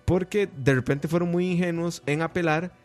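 A man's voice: a little high, steady tone, normal speed, darkish tone, faint music behind. A man with a Costa Rican accent, hosting a casual panel podcast and talking bluntly and emphatically. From Costa Rica. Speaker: podcast host.

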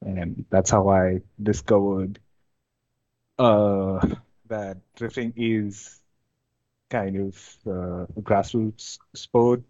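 A young man from India, chatting casually as an interview guest, relaxed and hesitant with many fillers. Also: lowish voice, very slow, no echo, highs cut off. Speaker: interview guest, amateur drifter.

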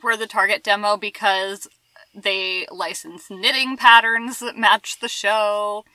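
A woman's voice: medium pitch, steady tone, slow pace, sharp tone, dry recording. A young adult woman co-hosting a podcast, wry and giggly, with a slight lisp from dental aligners. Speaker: podcast co-host. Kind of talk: casual sarcastic chat.

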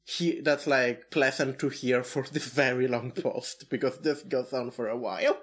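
A woman's voice: a bass voice, moderate pace, slightly rough. A woman co-hosting a casual podcast, rambling, losing her thread and swearing now and then. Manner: rambling, frequent fillers and restarts, swearing. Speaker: podcast co-host.

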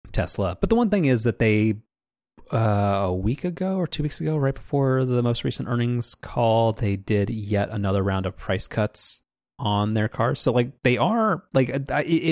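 A man's voice: lowish voice, a little mellow, dry recording. A man co-hosting a podcast, rambling casually with restarts and dry sarcasm. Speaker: podcast co-host.

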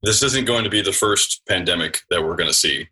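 A man's voice: low voice, fairly quick, pushed and bright, poor audio. A man hosting a podcast interview, chatty and enthusiastic. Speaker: podcast host.

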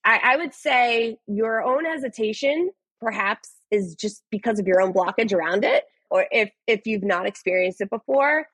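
A young adult woman speaking as a podcast guest, earnest and animated, often restarting her sentences. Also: on the high side, moderate pace, few pauses, slightly rough, dry recording, rough recording. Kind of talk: casual interview conversation.

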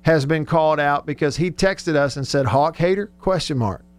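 Speaking close into a studio radio microphone, this male radio host keeps his sports talk show casual, joking around as he reads listener texts. His voice is clean, on the high side, at a moderate pace.

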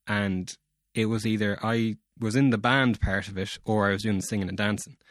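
A man's voice: lowish voice, fairly even intonation, moderate pace, dry recording, studio quality. A young man with a West of Ireland accent chatting casually in a rambling, informal way, full of filler phrases. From County Mayo, Ireland. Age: young adult. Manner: rambling, informal, peppered with 'like' and 'you know'. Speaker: guest, bass player. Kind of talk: casual chat.

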